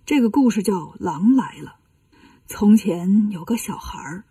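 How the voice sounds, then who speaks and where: A fussy, stern male monk master from a children's storybook, as a woman storyteller puts him on. The voice drops lower and scolds, soft and breathy in tone. It sounds a little distant from the mic, yet dry. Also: animated, measured pace, no echo. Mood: scolding.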